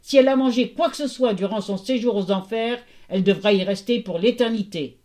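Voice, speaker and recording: A woman's voice: fairly high pitch, fairly quick, warm tone, voice pushed up, close to an everyday voice. A woman voicing a domineering king of the underworld who roars and grumbles. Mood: roaring. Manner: roaring, gruff.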